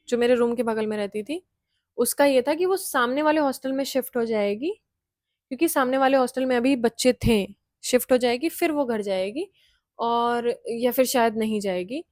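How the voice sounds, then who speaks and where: A woman's voice: fairly high pitch, darkish tone, no room sound, studio quality. A young woman casually telling a hostel ghost story, chatty, slipping in English phrases and laughing often.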